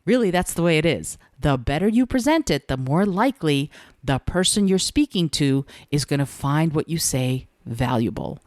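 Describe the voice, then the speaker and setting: A woman with a notably low voice hosts a solo podcast, speaking in a measured, deliberate way and leaving room for pauses. The sound is dry and close, with no room around it. She talks like a coach giving advice. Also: animated, darkish tone, dry recording. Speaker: podcast host and communication coach.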